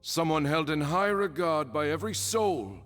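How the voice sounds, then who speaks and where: An actor playing a sanctimonious, insistent court accuser in a video game, with grandiose declamatory delivery. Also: male voice, fairly high pitch, normal speed, fairly bright tone, natural voice. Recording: long hall reverb, music underneath.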